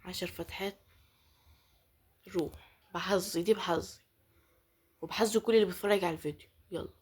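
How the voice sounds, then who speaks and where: A woman's voice: fairly low pitch, fast, darkish tone, breathy edge. A woman with an Egyptian accent giving casual gameplay commentary, pleading and muttering prayers, often dropping to a whisper. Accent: Egyptian Arabic. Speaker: gaming YouTuber.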